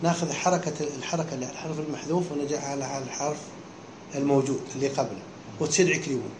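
A man's voice: mid-range voice, rapid-fire. A man teaching a class, explaining a text step by step and often stopping to ask his listeners whether they follow. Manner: keeps checking understanding with short questions. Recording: echoey room with faint background hum.

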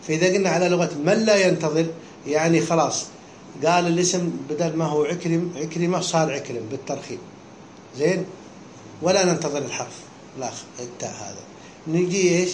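A male teacher, his voice sitting a little high for a man, walks his students through a text. He keeps breaking off with quick questions to check they follow. The sound is roomy and echoey, with a faint hum behind him. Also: darkish tone. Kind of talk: classroom lesson explaining a text.

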